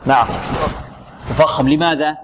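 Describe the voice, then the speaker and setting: A man runs a tajweed lesson, firing questions at his students and supplying the answers himself. He talks in stops and restarts. His voice sits a little high and rings out in a hall with long reverb. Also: steady tone, moderate pace, fairly bright tone, slight background noise. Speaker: Quran recitation teacher.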